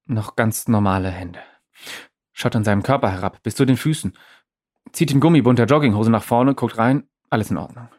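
A man narrating an audiobook story in an expressive, dramatic way. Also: medium pitch, a little fast. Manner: lively, expressive.

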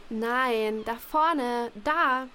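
A woman's voice: a little high, drawn-out words, pushed and bright, slight background noise, exaggerated voice. A woman playing a guilt-ridden young female contestant in an audio drama who stammers and apologizes.

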